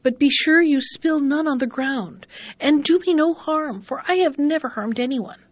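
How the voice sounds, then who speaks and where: A woman voicing a gentle, fair-minded talking cow that gives careful instructions, in a storybook reading. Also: sits high, normal speed, dry recording, pitched above the performer's own voice, lightly acted. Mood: instructive. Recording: dull, dry recording.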